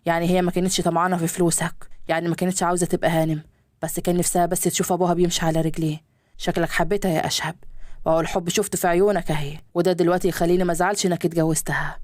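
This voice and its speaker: Woman doing a remorseful Egyptian father, soft-spoken, very fast talker, dry close sound. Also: lowish voice, little pitch movement, no room sound, voice pushed down, natural voice. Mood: tender. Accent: Egyptian Arabic. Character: wealthy middle-aged father, remorseful and tender.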